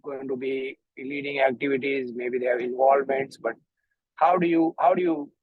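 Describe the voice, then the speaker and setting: A husky-voiced man talks over a car speakerphone while driving, sounding a little distant from the mic. He asks his question politely and haltingly, restarting phrases as he hunts for the right words. His voice sits in a middle register, and the sound is dry. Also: mid-range voice, steady tone, dry recording, narrow, tinny audio. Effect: car speakerphone, somewhat distant from the mic. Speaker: parent asking a question. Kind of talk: call-in question at a school info session.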